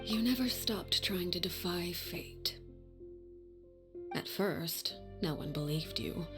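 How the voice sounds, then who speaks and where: An actress playing a stern, composed woman who leads an orphanage organization, speaking in a measured, formal, solemn way in scripted game dialogue. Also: fairly low pitch, animated. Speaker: voice actor in a game. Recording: music behind the voice. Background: background music.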